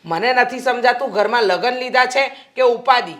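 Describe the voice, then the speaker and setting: A woman's voice: a little high, moderate pace, lightly acted. Brief: a woman playing a soothing middle-aged mom in a family drama. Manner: soothing, placating. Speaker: mother. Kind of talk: Gujarati film acting.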